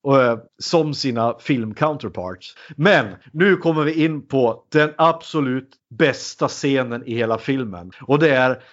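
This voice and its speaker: A man's voice: medium pitch, few pauses, dull audio. A man in a casual chat, animatedly retelling a film with many fillers.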